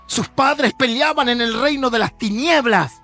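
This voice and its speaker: A man's voice: very high voice, unhurried, bright, forceful tone, soft background music. A man, preaching a sermon in a church in an emphatic, conversational way. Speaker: pastor.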